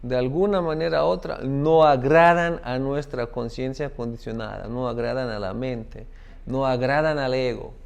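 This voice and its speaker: Man, spiritual teacher, gravelly voice, keeps asking "¿no?". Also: mid-range voice, normal speed. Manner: tag question "¿no?" after many phrases. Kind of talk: devotional talk with a parable.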